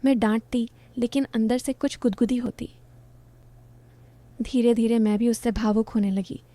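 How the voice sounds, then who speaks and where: A woman storyteller giving a scripted first-person narration in an even, soft-spoken manner. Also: on the high side, normal speed, no room sound.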